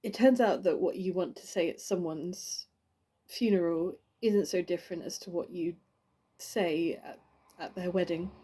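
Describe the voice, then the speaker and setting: An actress playing a grieving woman delivering a eulogy for her friend, halting and stammering with many restarts, in an audition monologue. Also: lowish voice, warm tone, slightly rough. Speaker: actor.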